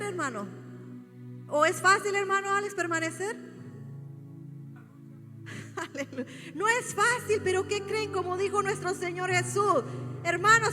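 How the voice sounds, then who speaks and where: Woman pastor, very high voice, fervent preaching style, reverberant sanctuary. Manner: fervent preaching, rising to shouts and calling out to the congregation. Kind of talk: sermon. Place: church sanctuary. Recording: long hall reverb with faint music.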